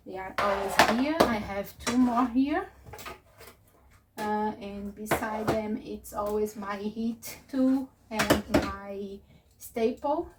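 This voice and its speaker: A woman who is not a native English speaker, giving a casual, unscripted tour as a vlogger in a hesitant, halting way. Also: medium pitch. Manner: hesitant, halting phrasing with searching pauses. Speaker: craft vlogger and presenter. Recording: distant mic with faint noise.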